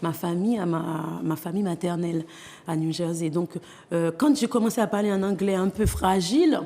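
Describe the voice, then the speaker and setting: A woman's voice: on the low side, a little fast, dark tone, in a large hall. A Haitian woman in her thirties with a Haitian accent, speaking earnestly and with many hesitations as an author giving an interview. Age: 30s. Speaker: guest author. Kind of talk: interview testimony.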